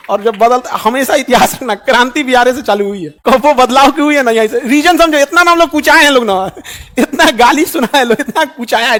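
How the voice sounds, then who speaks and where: A man talking to his students in a folksy, lively way, mimicking others and laughing often. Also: very high voice. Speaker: teacher addressing students. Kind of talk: animated classroom talk.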